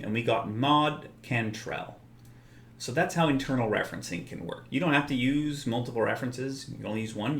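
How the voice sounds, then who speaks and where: A man walking through a software tool in a relaxed tutorial, explaining step by step with frequent filler words. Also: medium pitch. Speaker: software developer demonstrating his tool. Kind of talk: screen-recorded software tutorial. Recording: roomy echo.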